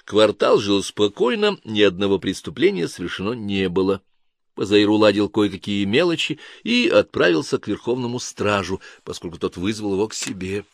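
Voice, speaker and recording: Low-voiced male audiobook narrator. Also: big pitch swings, normal speed, gravelly, no room sound, clean studio sound.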